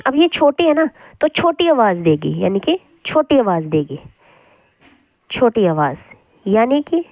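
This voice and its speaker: A woman teacher explaining a spelling lesson patiently, repeating words slowly to show how they sound. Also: fairly high pitch, darkish tone, no room sound.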